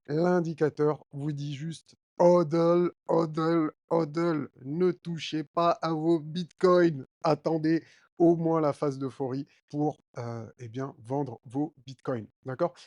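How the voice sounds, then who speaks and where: A man with a fairly high voice walks his viewers through a price chart in a relaxed, filler-heavy way, often checking in with them. His voice is recorded close and dry, with almost no room sound. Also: creaky, no room sound. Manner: addresses viewers directly with frequent d'accord and hein. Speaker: crypto trading YouTuber. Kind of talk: chart analysis walkthrough.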